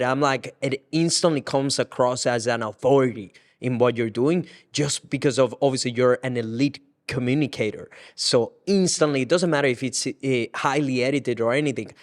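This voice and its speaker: Enthusiastic man hosting a podcast. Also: medium pitch. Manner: enthusiastic, affirming, frequent agreement. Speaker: podcast host. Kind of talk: casual podcast interview.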